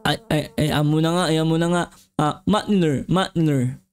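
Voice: medium pitch, moderate pace, a little mellow, clear, resonant tone, pitched below the performer's own voice, natural voice. A YouTuber voicing a grumpy giant talking bee whose speech comes out garbled and mumbled in a Minecraft role-play. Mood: grumbling.

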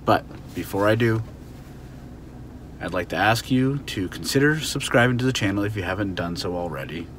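A man's voice: on the low side, expressive, moderate pace, a little hiss or hum. A man giving a casual English lesson, chatty, acting out little example scenes. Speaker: English teacher. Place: outdoors near a car.

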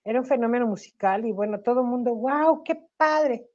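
This singer's voice runs on the high side and a little fast, captured as dull audio by a webcam during a video call interview at home. She has a Mexican Spanish accent. Animated and laughing, she uses tag questions, and a sore throat causes a slight cough.

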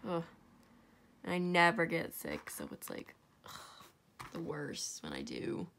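A young woman with a deep, congested voice talks casually through a crafting tutorial at a slow pace, her pitch swinging hugely and often dropping to a whisper. She's chatty and self-deprecating and has a sore throat; the tone is a bit bright. A camera over a tabletop shows only her hands, with slight background noise.

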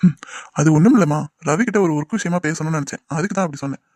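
A man plays a calm, reassuring middle-aged father in a cartoon drama, who speaks in a fairly high register. He talks patiently and slips in English words. The sound is close and dry, with no room around it. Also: racing, dry recording, natural voice. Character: middle-aged father, calm, then worried over lost money. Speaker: doctor and father.

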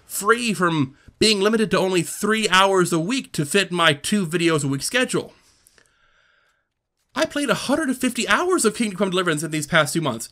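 Man, gaming channel host, bright tense voice, a bit high, earnest, reflective. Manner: earnest, reflective, with halting restarts. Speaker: gaming YouTuber. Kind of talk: candid personal monologue.

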